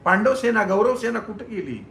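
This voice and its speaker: A man's voice: high-pitched, sing-song, normal speed, gravelly, fairly bright tone, reverberant, slight background noise, voice pushed up, heavily acted. A man voicing a bewildered young male warrior who cries out frantic, pleading questions in a storytelling.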